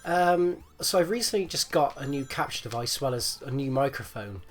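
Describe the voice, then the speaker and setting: A man of medium pitch talks briskly and with animation, his chest rattly and congested as he gets over the flu. Hosting a gaming video, he gives casual, rambling commentary, hesitating and repeating himself, his voice phlegmy.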